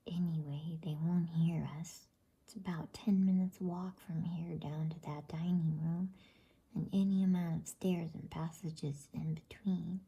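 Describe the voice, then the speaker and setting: Woman whispering as bold, breathy young boy explorer. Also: low-pitched, dark tone, heavily acted. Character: bold, eager boy explorer, eldest brother.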